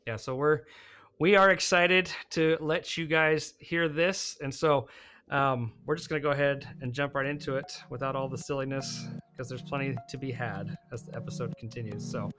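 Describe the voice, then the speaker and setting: A man's voice: mid-range voice, steady tone, normal speed, pushed and bright, faint music behind. A man hosting a podcast, talking in an easygoing, joking way. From American Southwest desert. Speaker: podcast host. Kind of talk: casual podcast chat.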